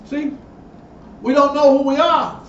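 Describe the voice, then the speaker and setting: A man's voice: extremely high pitch, little pitch movement, measured pace, fairly bright tone, a little hiss or hum. A man preaching, reading passages aloud and breaking in with emphatic asides. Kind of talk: sermon with read-aloud passages. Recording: echoey, distant, dull lo-fi sound.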